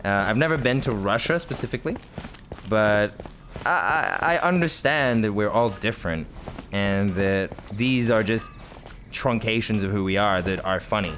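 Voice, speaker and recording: In this let's play, a man with a fairly low, fairly bright voice speaks at normal speed over game music and slight background noise. The commentary is casual, and he rambles, laughs a lot, and self-corrects with many restarts.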